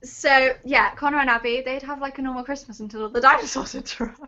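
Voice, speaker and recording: A woman with a fairly high voice chats as a guest on a livestream, giggly and matter-of-fact. Her voice comes through dull and lo-fi over a call. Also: fairly even intonation, fast talker, pushed and bright. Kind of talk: casual livestream chat.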